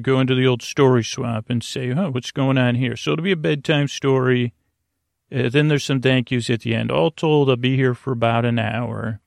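With a creaky voice pitched in the middle range, a male podcast host murmurs a calming, wandering bedtime piece marked by halting repetition and long pauses. The sound is dry and of studio quality.

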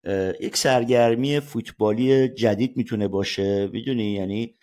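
A man's voice: on the low side, mellow. A man from Iran, a sports journalist guest, chatting casually on a podcast and often laughing as he tells stories.

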